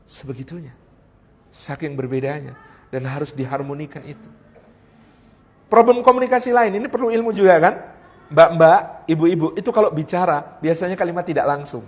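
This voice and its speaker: Husky-voiced male preacher, high and animated. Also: brisk. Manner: acts out husband and wife in quoted voices, joking. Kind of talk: lively marriage sermon.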